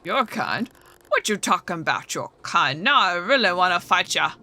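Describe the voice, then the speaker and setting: A woman's voice: on the low side, sing-song, normal speed, bright, forceful tone, full character voice. A woman voicing a hotheaded spider in a game who talks in brash slang and wants to fight. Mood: belligerent. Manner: brash slangy trash talk.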